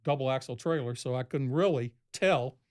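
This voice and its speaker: A man's voice: mid-range voice, normal speed. A man, a podcast guest, telling a long story casually, rambling and acting out what people said. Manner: rambling, acts out quoted speech in a raised voice.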